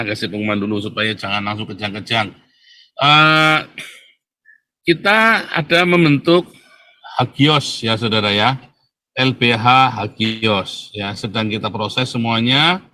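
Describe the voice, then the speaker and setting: This host talks at a measured pace with long pauses, his mid-range voice bright and forceful. In a casual monologue he speaks emphatically to the audience, tacking "saudara ya" onto line after line and laughing at his own comments.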